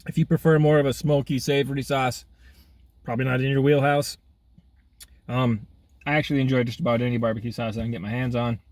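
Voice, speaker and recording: A man's voice: mid-range voice, steady tone, fast, darkish tone, no room sound. A man casually reviewing food for a vlog, chatty and exclaiming as he eats outdoors. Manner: chatty, eating while talking, frequent exclamations. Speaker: food vlogger. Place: outdoors in half sun, half shade.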